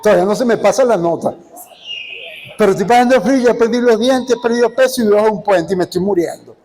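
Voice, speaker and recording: A man's voice: sits high, quick pace, a little mellow. A man voicing a toothless, homeless young man, drugged and wasting away, who rambles in a pleading confession. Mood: miserable. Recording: long hall reverb.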